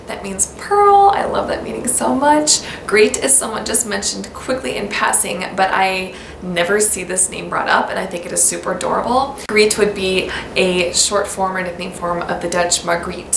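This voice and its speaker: A woman from the United States with vocal fry and a medium pitch talks upbeat and casually to camera about baby names, sometimes spelling them letter by letter. Her echoey room carries background noise.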